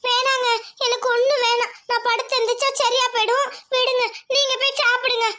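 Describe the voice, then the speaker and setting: A woman's voice: very high voice, level tone, fairly quick, bright, forceful tone. A woman voicing a proud, stubborn village wife in a cartoon who is sick with fever and refuses help. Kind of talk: cartoon voice acting.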